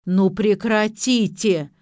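A woman's voice: medium pitch, no echo, studio quality, close to an everyday voice. Woman doing a grumpy old pensioner. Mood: exasperated. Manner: querulous, slow grumbling.

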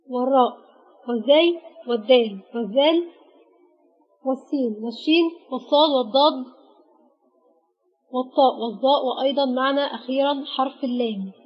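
A woman's voice: high-pitched, slightly rough. Patient Egyptian woman teaching Arabic letters. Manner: patient, spells out letters one by one with pauses. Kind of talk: explaining a grammar lesson. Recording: dull lo-fi recording.

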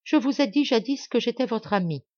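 A woman's voice: a little high, lively intonation, a little fast, dark tone, dry recording, pitched above the performer's own voice, lightly acted. A kindly but stern old baron speaks with earnest dignity, voiced by a woman. The audiobook recording is dry and slightly dull. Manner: earnest, reproachful.

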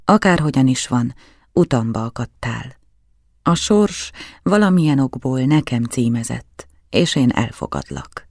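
A solemn old professor with a croaky, gravelly voice speaks in an earnest, blessing tone, as a male audiobook reader gives him voice. The sound is close and dry, with no room around it. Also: medium pitch, animated, darkish tone, no room sound. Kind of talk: audiobook character reading.

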